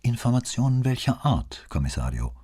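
A man reading an audiobook and voicing a young woman, a polite, calm and unyielding secretary. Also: medium pitch, normal speed, slightly rough, voice pushed up. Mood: politely firm. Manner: polite and cool, gently refusing.

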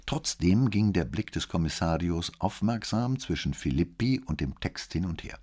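Very low, husky male narrator. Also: lively intonation, moderate pace, a little mellow. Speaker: audiobook narrator. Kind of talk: scripted narration.

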